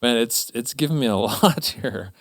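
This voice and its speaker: A man's voice: mid-range voice, moderate pace, no room sound, studio quality. A man co-hosting a webinar, easygoing, reading chatbot answers aloud between short agreements. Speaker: co-host. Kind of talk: casual chat, reading aloud.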